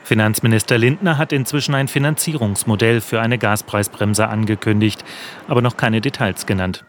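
A man reading a news report voice-over in an even, matter-of-fact way. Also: lowish voice, brisk, a little hiss or hum.

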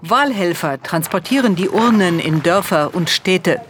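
Calm, serious female correspondent. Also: lowish voice, measured pace, slight background noise. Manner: calm, serious report reading. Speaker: foreign correspondent. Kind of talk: scripted news report voice-over.

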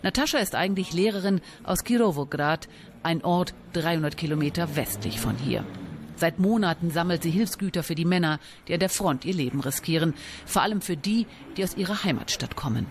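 A woman reporting as a news correspondent, reading her report clearly and answering live with some hesitations. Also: lowish voice, lively intonation, fairly quick, a little hiss or hum. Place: on location outdoors.

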